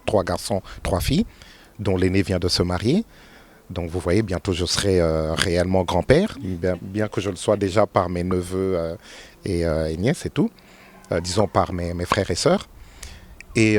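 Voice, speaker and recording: A man in his fifties from Congo, answering interview questions with many pauses and fillers, rising emphatically on key points. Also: deep voice, darkish tone. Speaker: interview guest, politician.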